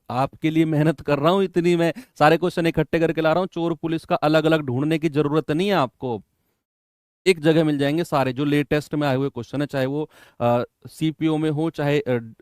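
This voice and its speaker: A man's voice: fairly high pitch, a little mellow, clean tone, dry recording, studio quality. A man teaching an exam-prep math lesson in Hindi, coaching students in a chatty way and often checking with "है ना?".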